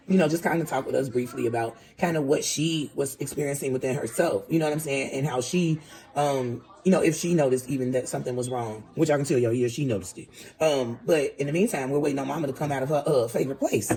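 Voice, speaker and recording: Gravelly-voiced woman vlogger chatting. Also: rumbling low, dark tone, poor audio. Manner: chatty, addresses viewers directly. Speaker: vlogger host. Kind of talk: casual chat to camera.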